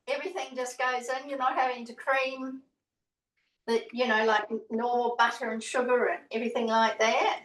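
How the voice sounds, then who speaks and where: Demonstrating a recipe casually over a video call, a woman talks at a moderate pace in a slightly high, fairly bright voice with flat delivery. She's chatty and rambling, correcting herself as she goes. The roomy recording was made away from the mic.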